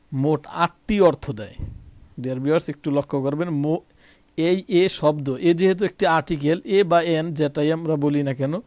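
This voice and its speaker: A man's voice: a little high, darkish tone, dry recording. A man with a Bangladeshi Bengali accent teaching English grammar, repeating points and speaking to viewers directly. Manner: repetitive, addresses viewers directly, self-corrects. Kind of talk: explaining a lesson to viewers.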